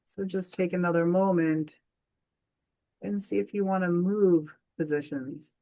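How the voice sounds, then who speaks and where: The audio is poor as a woman leads a guided meditation, her voice on the low side with fairly even intonation. She speaks gently and soothingly, slowly, with long pauses between phrases.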